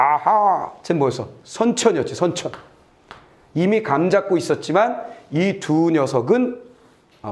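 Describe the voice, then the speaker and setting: A middle-aged man lecturing on a test passage in a lively, playful way. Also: a little high. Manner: lively, playful, acts out little scenes and sound effects. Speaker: Korean literature tutor. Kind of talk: lecture with acted examples.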